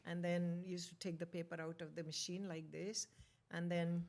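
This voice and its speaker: Low-pitched Indian-accented woman, emphatic and repetitive. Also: level tone, moderate pace, darkish tone. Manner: emphatic, repeats words and short phrases. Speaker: interview guest, author. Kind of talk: reminiscing in a conversational interview.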